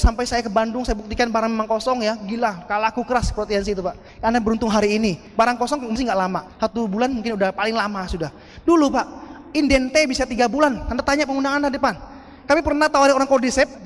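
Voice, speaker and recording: Motivational speaker, man, very high voice, long hall echo, animated and audience-directed. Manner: animated, addresses the audience as "Pak" and asks "betul nggak?". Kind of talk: motivational seminar talk.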